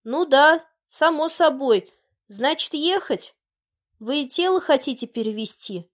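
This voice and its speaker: A woman's voice: sits high, animated, unhurried, voice pushed up. A blunt, burly village man of about forty, read by a woman narrator. He talks in an offhand way, with short and plain lines.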